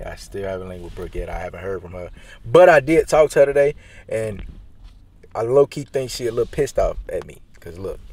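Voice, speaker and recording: Young man, vlogger, slangy banter, lively swinging pitch, phone camera. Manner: laid-back slangy banter. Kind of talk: casual vlog chat. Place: out and about in a city, then a casino.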